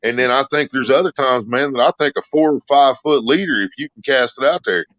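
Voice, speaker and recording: A man's voice: mid-range voice, brisk, a bit bright, no room sound. A man on a video call confidently explaining his fishing tips in a casual chat. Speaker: stream guest. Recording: dull lo-fi call audio.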